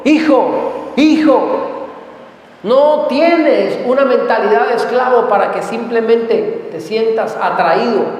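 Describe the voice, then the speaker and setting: A man preaching a sermon as pastor, emphatic, repeating words and asking the congregation questions. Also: high-pitched. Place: church sanctuary. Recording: very echoey hall with long reverb.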